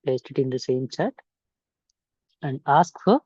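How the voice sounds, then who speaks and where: A man's voice: mid-range voice, animated, very slow, a little mellow, breathy edge, no echo, lo-fi sound. A man with a Telugu accent giving an informal step-by-step tutorial voice-over, switching between Telugu and English mid-sentence and repeating instructions. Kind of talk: informal software tutorial narration. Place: indoor voice-over for screen recording.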